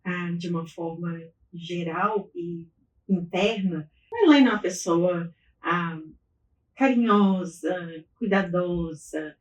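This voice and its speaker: A woman's voice: lowish voice, slow, reverberant, distant mic, poor audio. A middle-aged woman from Minas Gerais, Brazil, chatting as a podcast guest about her life and often restarting her sentences. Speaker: guest, business owner. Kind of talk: interview storytelling.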